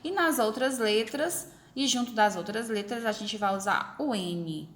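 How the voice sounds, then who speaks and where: A woman's voice: fairly high pitch, fairly bright tone. Patient woman teacher, faint noise. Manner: patient, repeats examples slowly, stretches syllables. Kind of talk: recorded remote class explanation.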